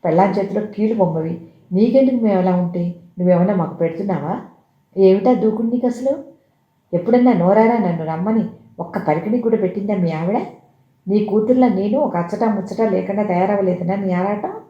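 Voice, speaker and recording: A storyteller voicing a sharp-tongued, defiant thirteen-year-old girl who drawls and mocks, in a roomy, dull recording. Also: medium pitch, fairly even intonation, moderate pace, lightly acted. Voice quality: drawling, mocking.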